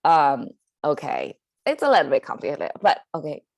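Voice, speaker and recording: A woman's voice: low voice, sing-song, moderate pace, vocal fry, no echo. A woman whose first language is Mandarin, hosting a casual Chinese lesson and explaining words in English with a Chinese accent, many fillers and self-corrections. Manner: conversational, with frequent fillers and self-corrections, occasional laughs. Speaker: Chinese language teacher and podcast host.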